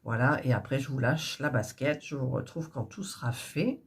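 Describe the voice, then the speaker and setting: Chatty woman, husky and stuffy. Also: extremely low pitch, normal speed. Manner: chatty, rambling, with frequent fillers and restarts. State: stuffy nose. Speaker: cross-stitch crafter vlogger. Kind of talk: casual chat while prepping thread.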